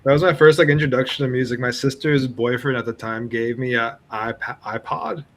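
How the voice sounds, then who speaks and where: A man's voice: medium pitch, steady tone, a little fast. A young man chatting casually and a little hesitantly, peppering his sentences with "like". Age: young adult. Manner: hesitant, heavy use of "like". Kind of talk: casual chat.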